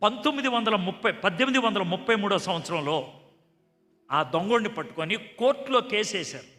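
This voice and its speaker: High bright-voiced male preacher. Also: a little fast. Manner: animated, acts out dialogue in a conversational tone. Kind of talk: sermon with storytelling. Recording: echoey hall with faint music.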